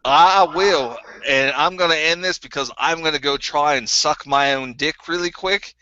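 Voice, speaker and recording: Fairly high in pitch, this man's voice is bright, forceful, clear and resonant, delivered at normal speed with no room sound on a dull lo-fi track. He portrays a bitter, crude ex-member of a group, faking a New Zealand accent while he rambles and stammers.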